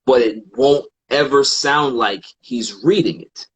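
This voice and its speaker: A man with a husky, slightly breathy voice tells a long story in easy conversation, acting out little exchanges with friends as he goes. The sound is dull and lo-fi, like a plain home podcast setup. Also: medium pitch, measured pace. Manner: relaxed, quotes others in animated asides, frequent fillers. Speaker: podcast guest.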